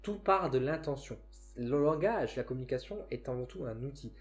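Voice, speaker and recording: A man's voice: mid-range voice, animated, normal speed. A man with a northern French accent, a spiritual vlogger, talks casually to camera in a reflective way, often hesitating and restarting his sentences. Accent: northern French (Ch'ti). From northern France.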